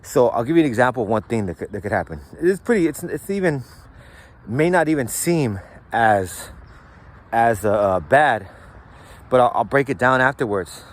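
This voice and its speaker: A man's voice: medium pitch, expressive, normal speed. A man hosting a show, speaking in a casual storytelling way that is slangy and profane, with lots of "like" and "right?". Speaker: host.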